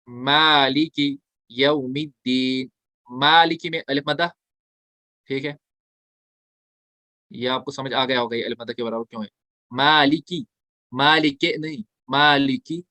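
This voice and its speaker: A male Quran recitation teacher leads an online tajweed class, explaining step by step, posing questions and answering them himself, and slowly chanting verses between explanations. His voice is medium-pitched with a sharp tone and no echo.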